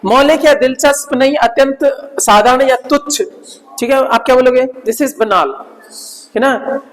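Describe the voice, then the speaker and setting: High-pitched male teacher, reverberant hall. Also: measured pace, a bit bright. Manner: repeats words and checks with "ठीक है ना?". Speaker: English vocabulary teacher. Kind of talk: Hindi-English vocabulary lesson.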